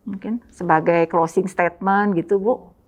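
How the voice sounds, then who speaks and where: Gentle woman hosting a church talk. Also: lowish voice, fairly even intonation, normal speed. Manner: gentle, affirming, frequent murmured agreement. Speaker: talk show host. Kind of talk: moderating a church talk show.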